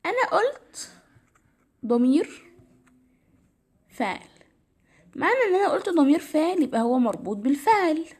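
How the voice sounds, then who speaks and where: A woman with an Egyptian Arabic accent teaches English grammar casually, step by step, repeating "تمام" as she goes. Her high, sing-song, slightly mellow voice moves at normal speed with frequent pauses, sounding tired and a little strained.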